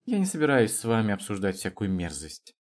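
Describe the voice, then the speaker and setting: A man's voice: on the low side, wildly swooping pitch, fairly quick. A man reading the lines of a haughty, prim young male student who speaks in a lofty, bookish way. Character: pompous young male student from teachers' family.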